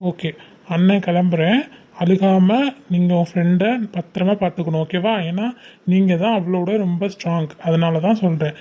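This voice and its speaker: A woman voicing a young male uncle, a college student, who gently coaxes his niece. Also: lowish voice, fairly even intonation, normal speed, narrow, tinny audio, natural voice. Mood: coaxing. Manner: soothing, coaxing, repeats "okay?".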